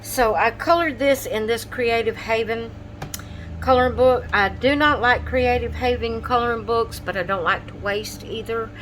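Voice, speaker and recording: A woman's voice: fairly high pitch, moderate pace, fairly bright tone, slight background noise, low-quality recording. A woman chatting casually to her camera at home about her coloring pages, drowsy and yawning, apologizing and trailing off mid-sentence. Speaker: vlogger showing coloring pages.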